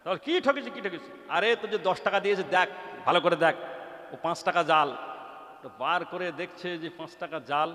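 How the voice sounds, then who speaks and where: A man's voice: sits high, a little fast, pushed and bright. A man with a West Bengal Bengali accent preaching an Islamic sermon, acting out the characters of a rustic folk tale in an emphatic, sing-song way. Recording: large reverberant hall.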